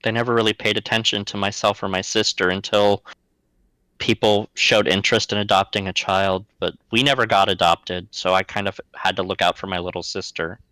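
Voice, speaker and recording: A man's voice: lowish voice, little pitch movement, a little fast, sharp tone, clear, resonant tone, dry recording, rough recording. A man voicing young Scrooge, a lonely orphaned gnome, in a tabletop game, answering plainly and matter-of-factly. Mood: wistful.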